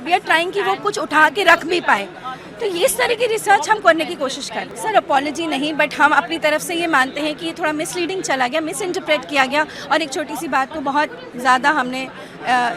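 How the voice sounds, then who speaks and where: A woman from a university speaking earnestly and insistently to reporters at an event. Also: sits high. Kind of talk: statement to press at an event. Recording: noisy crowd around.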